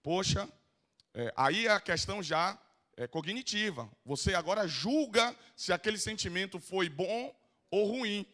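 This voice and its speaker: A Brazilian psychoanalyst with a Bahian accent lectures a live audience in a council chamber. His voice sits high and rings bright. He keeps it playful, teasing the people in the room and calling up volunteers. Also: lively intonation, measured pace. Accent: Bahian Brazilian Portuguese.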